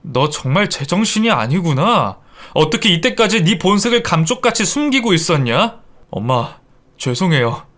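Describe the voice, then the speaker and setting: A man's voice: high voice, lively intonation, moderate pace, few pauses, fairly bright tone, pitched above the performer's own voice. A man voicing an exasperated grown son and husband in a radio drama, pleading and scolding in turn. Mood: alarmed. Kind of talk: Korean radio drama acting.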